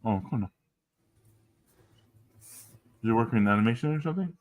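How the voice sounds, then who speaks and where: A man's voice: medium pitch, expressive, normal speed. A man co-hosting a casual art stream, talking about coloring with dry sarcastic humor on a desk microphone. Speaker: co-host and colorist.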